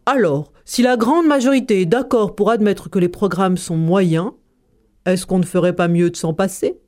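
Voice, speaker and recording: An idealistic old schoolteacher who likes playful ideas, put on by a woman storyteller. He talks in a calm, reasoning way, with a mellow tone and a pitch that sits mid-range. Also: moderate pace, lightly acted. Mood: persuasive. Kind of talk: storytelling performance.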